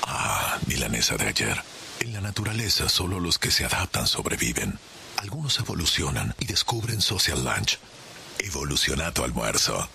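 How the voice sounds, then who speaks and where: Solemn mock nature documentary narrator, extremely deep, gravelly, deadpan, advert read over music. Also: male voice, moderate pace, a little hiss or hum, full character voice. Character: solemn wildlife documentary narrator observing office workers. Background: music bed.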